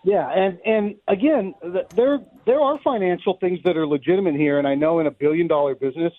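Calling into a live radio interview, a middle-aged man who works as a play-by-play announcer talks sports with dry wit and a casual manner. His voice sits high and runs fairly quick, carried on a thin, roomy narrow-band phone connection.

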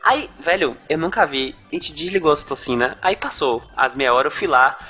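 A young Brazilian man tells stories from his medical shifts on a chatty podcast. His voice is bright and lively, and it swings widely in pitch as he acts out each scene. He stumbles into restarts now and then, and faint music plays underneath. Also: a little fast, husky. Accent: Brazilian Portuguese. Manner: animated, acts out quotes, frequent restarts. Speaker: medical storyteller and podcast co-host. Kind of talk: casual podcast storytelling.

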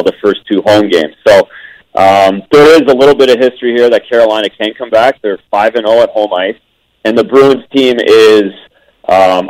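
A man, a former goaltender, giving hockey analysis over a phone line on a radio show, measured, with frequent ums and restarts. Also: on the low side, darkish tone, no echo.

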